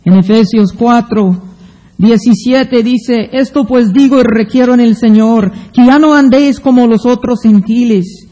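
Male preacher, very high mellow voice, slow measured sermon with scripture reading, long hall reverb. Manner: slow, deliberate preaching, reads Bible passages aloud.

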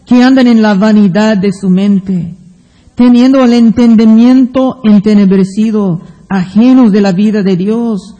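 A man delivers a sermon in a very high but mellow voice. He speaks slowly and deliberately, pausing to read Bible passages aloud. His voice rings with a long hall reverb. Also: fairly even intonation. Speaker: preacher. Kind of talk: sermon with scripture reading.

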